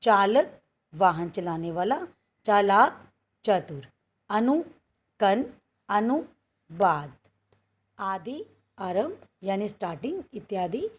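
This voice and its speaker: Female teacher, slow and husky, reads word lists aloud, answers her own questions. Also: mid-range voice, sing-song. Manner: asks questions and answers them herself; reads word pairs one by one. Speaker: school teacher. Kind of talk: Hindi grammar lesson.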